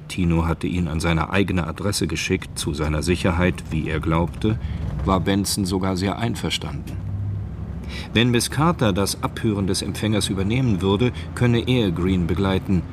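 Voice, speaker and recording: A man narrates a radio drama in a scripted, literary storytelling style, his low voice moving at a moderate pace. Music plays behind him, and the background is noisy.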